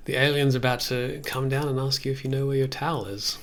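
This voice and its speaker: With a flat, brisk delivery and a medium-pitched gravelly, creaky voice, a man in his thirties muses aloud during a music production livestream. His working commentary is casual and hesitant. Faint noise and clicking from a keyboard and mouse can be heard.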